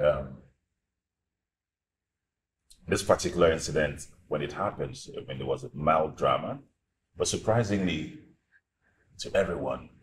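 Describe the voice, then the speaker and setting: A chatty, very deep-voiced divorcé. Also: male voice. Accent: Nigerian. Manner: conversational, laughs between remarks. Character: recently divorced man, chatty and amused. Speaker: boss's friend confiding in a young employee. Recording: echoey room with background noise.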